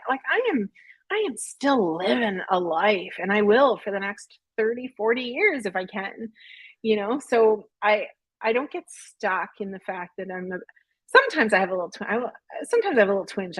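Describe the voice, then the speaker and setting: A woman's voice: fairly high pitch, husky, dry recording, low-quality recording. A woman in her late forties, a podcast guest talking candidly and reflectively with some self-deprecating humor. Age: 40s. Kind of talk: casual interview chat.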